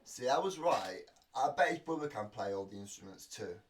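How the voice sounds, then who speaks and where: Hosting a reaction video, this man chats casually and animatedly in a lowish voice at normal speed, a little sniffly with a cold. He wanders off into rambling, self-mocking asides, captured on a distant mic with a faint hiss.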